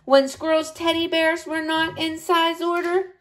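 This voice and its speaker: A woman reading a picture book aloud to young children in an animated way, addressing them directly. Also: very high voice, a little slow. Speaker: children's storybook reader.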